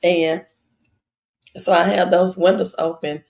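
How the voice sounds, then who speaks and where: A woman with a raspy, hoarse voice hosts a casual live stream, speaking straight to her viewers and repeating phrases for emphasis. Her pitch is fairly low and her tone level, delivered at a slow, slightly mellow pace.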